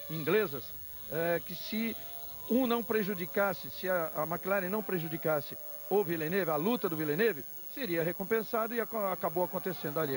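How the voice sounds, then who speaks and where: A Brazilian man analyses a motor race off the cuff. His voice sits a little high and he explains in long, wandering detail. Clear engine noise is heard behind him. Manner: explanatory, rambling anecdotal detail. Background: race cars and trackside ambience.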